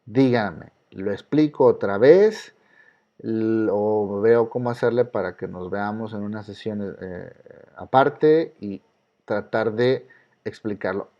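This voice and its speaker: A man's voice: on the low side, slow, muffled recording. A man with a Mexican Spanish accent teaching an online class, patiently explaining step by step and asking his students questions. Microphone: video call.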